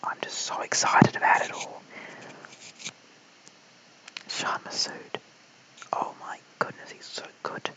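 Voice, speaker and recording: A man's voice: slow, pauses often, low-quality recording. A man with an Australian accent whispering eager live cricket commentary late at night at home, calling each delivery.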